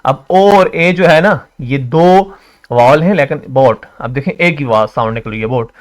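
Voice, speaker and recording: A man teaching English pronunciation, repeating example words slowly and asking and answering his own questions. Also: a little high, lively intonation. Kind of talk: classroom explanation.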